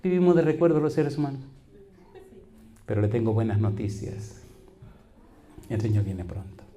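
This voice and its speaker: A man's voice: lowish voice, expressive, moderate pace, crowd noise. A middle-aged man, a pastor preaching a sermon, questioning the congregation and telling folksy stories with quoted voices. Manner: preaching with call-and-response questions.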